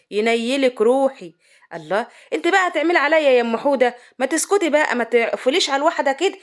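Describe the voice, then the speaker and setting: A woman with an Egyptian Arabic accent hosting a comic cooking vlog, bantering and quarrelling with herself in colloquial talk. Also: high-pitched. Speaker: cooking vlogger.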